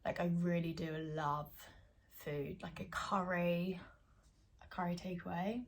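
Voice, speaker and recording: A woman's voice: fairly low pitch, fairly even intonation, unhurried. A woman, chatting casually to her phone camera at home with plenty of fillers and giggles. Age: 20s. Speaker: vlogger.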